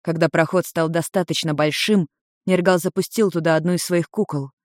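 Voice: medium pitch, steady tone, fairly quick, dry recording, studio quality. A narrator reading a fantasy story aloud in an audiobook style.

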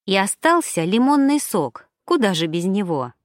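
A woman reads a novel aloud in an even, calm storytelling voice. Her pitch is mid-range. The recording is close and dry, with no room sound. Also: normal speed, dry recording. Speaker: audiobook narrator. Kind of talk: scripted narration.

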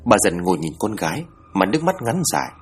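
A man narrating a horror story with expressive, dramatic delivery. His voice sits low but moves in lively swings of pitch. There is a faint hiss behind him. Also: fast.

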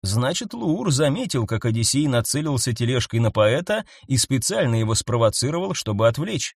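A man doing expressive scripted narration of a sci-fi story. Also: medium pitch, normal speed, breathy edge, no room sound, clean studio sound. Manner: animated storytelling. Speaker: audiobook narrator.

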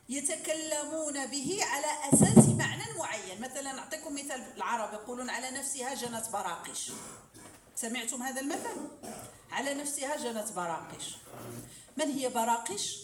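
Woman teacher giving a lecture, high voice, sounds far from the mic, quizzes the class w/ examples. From Morocco. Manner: explains with examples and rhetorical questions. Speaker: lecturer in hadith sciences. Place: lecture hall. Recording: roomy hall, voice from far off, faint noise.

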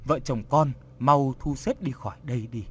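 A man's voice: medium pitch, normal speed, a bit bright, slightly rough. Man voicing a grieving old grandmother. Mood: resigned, grieving. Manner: sobbing, pleading.

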